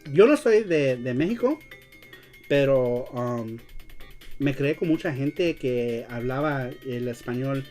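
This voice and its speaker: A man who grew up in Los Angeles hosting a casual live-stream chat, speaking slangy Mexican-style Spanish learned as a second language, with English as his native tongue, often pausing to search for words. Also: mid-range voice, lively intonation, a little mellow, soft background music. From United States, grew up in Los Angeles. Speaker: show host.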